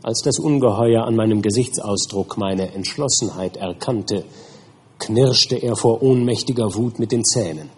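Male audiobook narrator, slow husky delivery, grave first-person storytelling. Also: fairly low pitch. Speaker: audiobook reader.

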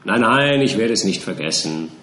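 A man reading an audiobook and voicing a brisk, sly male law clerk with a raised, brusque manner. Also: fairly low pitch, animated, a bit bright. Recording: roomy echo.

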